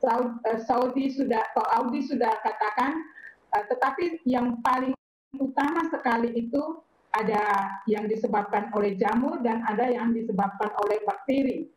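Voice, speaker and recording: A woman plant protection expert explaining in a measured way, often pausing with fillers. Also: fairly high pitch, roomy sound, rough recording. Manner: measured, with frequent hesitation fillers.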